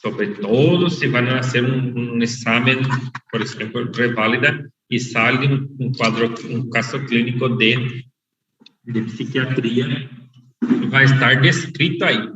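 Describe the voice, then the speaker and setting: A man teaching an online medical class, his voice bright and a little strained, heard from a distance in a roomy space. He talks slowly and explains patiently, repeating each key term. The sound is muffled and lo-fi, with faint noise underneath. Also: mid-range voice. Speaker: lecturer. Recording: echoey, dull, far from the mic over an unstable online connection.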